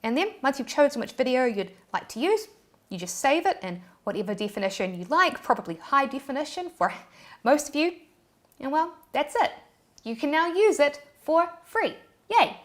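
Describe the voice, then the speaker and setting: A woman's voice: sits high, very animated, normal speed. A young woman with a New Zealand accent hosting an online tutorial in a cheerful, scripted way, throwing in little cheers. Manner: cheerful, bursts of "yay" and "woohoo".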